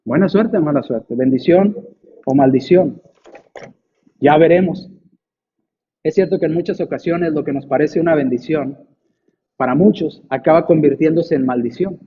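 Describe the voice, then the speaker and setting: A man preaching a sermon, telling a story and acting out the villagers' voices with big jumps in pitch. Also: normal speed, pauses often, highs cut off, a little hiss or hum. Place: church.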